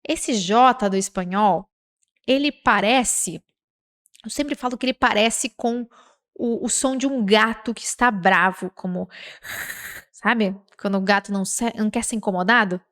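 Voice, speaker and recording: A Brazilian woman teaching a language lesson, reading example sentences slowly and breaking into lively, chatty explanations. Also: mid-range voice. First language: Portuguese. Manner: slow, drawn-out example words with lively asides. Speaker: Spanish teacher.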